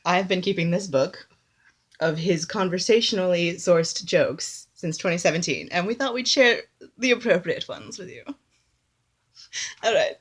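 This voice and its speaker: A woman's voice: fairly low pitch, animated, normal speed, slightly rough. A woman performing a comic bit, reading dated entries from a joke diary in a chatty, giggly way. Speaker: comedy performer.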